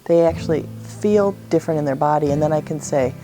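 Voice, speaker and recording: A woman's voice: low-pitched, fast, over music. A woman therapist explaining her work with horses in an earnest, reflective way. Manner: earnest, reflective, storytelling with quoted dialogue. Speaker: equine therapist. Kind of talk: explanatory interview talk.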